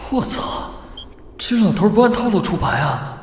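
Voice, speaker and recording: A man voicing the brash, mocking male lead of an animated series, who swears under his breath. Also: high voice, a little fast, creaky, a little hiss or hum, full character voice. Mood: flustered. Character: cocky male ring spirit, brash and crude. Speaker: lead character.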